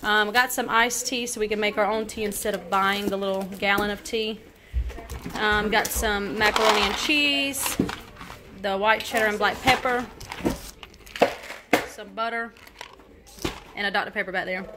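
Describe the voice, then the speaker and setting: Heavy background noise surrounds a thirtysomething woman as she narrates her groceries indoors in her kitchen, recorded on a handheld phone. A chatty vlogger, she goes through the items with many ums and likes, using a medium-pitched, steady voice at normal speed with long pauses.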